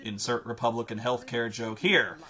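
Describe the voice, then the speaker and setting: A man's voice: mid-range voice, little pitch movement, normal speed, sharp tone. A man narrating a comedic game retrospective in a sarcastic, profane, incredulous rant. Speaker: game reviewer.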